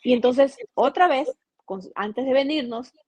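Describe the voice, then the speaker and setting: A woman with an Ecuadorian accent, a journalist guest telling a personal story in a casual interview, earnest and animated, often restarting her sentences. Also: high voice, unhurried, dry recording. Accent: Ecuadorian Spanish.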